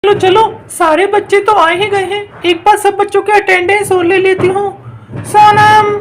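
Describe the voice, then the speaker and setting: A woman's voice: very high-pitched, little pitch movement, a little slow, a little hiss or hum. A woman voicing a strict, impatient female schoolteacher who scolds and hurries her pupils in a doll story. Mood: stern. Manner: scolding, hurrying, threatening. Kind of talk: doll story role-play.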